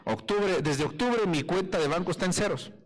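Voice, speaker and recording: A man's voice: high voice, lively intonation, normal speed, long reverb tail, rough recording. A man with a Mexican accent, preaching a live sermon as pastor and putting rhetorical questions to his congregation. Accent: Mexican Spanish.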